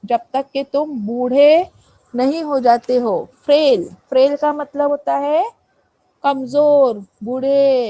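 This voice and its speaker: A woman teaching an online English class, reading each line of a poem slowly and then explaining it in Hindi. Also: high-pitched, warm tone, dry recording, poor audio.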